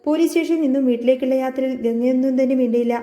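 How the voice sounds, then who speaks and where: A woman's voice: high-pitched, very fast, warm tone, reverberant. A woman retelling a serial episode as a story, reading it aloud and voicing every character in her own voice. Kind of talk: scripted narration.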